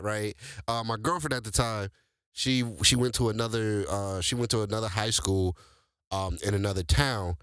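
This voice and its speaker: With a medium-pitched voice that's pushed, bright and smooth, a man in his forties hosting the show casually shares life stories with his audience. He speaks loosely and with slang, laughing frequently, in clean studio sound without echo.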